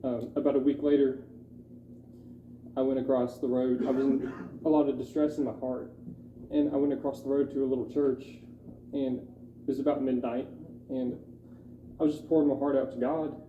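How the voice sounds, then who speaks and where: A young man telling his personal testimony in a halting, candid way, with many fillers. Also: medium pitch, level tone, slight background noise. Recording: dull echoey room recording.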